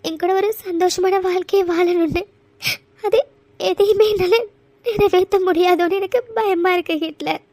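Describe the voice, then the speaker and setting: A soft, pleading young wife in a cartoon love story, guilty about her husband's burden. A performer gives her a very high-pitched, mellow voice. The read is dry and close to the mic. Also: fairly even intonation, normal speed, no echo. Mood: tearful pleading. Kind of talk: cartoon voice acting.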